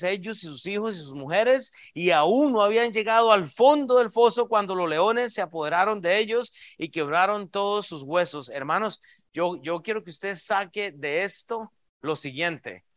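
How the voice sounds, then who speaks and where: Male pastor preaching hard, high voice, dry close sound, pushes then drops low. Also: fairly bright tone, no echo. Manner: impassioned preaching, rising and falling in force. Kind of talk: sermon. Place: church.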